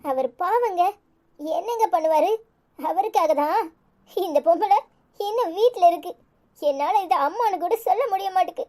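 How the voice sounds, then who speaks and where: An anxious young wife from a Tamil cartoon serial, played by a woman, indignant and protective, with a Tirunelveli accent. Her voice is extremely high and piping. She urges and pleads in quick bursts. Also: animated, dark tone. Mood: upset.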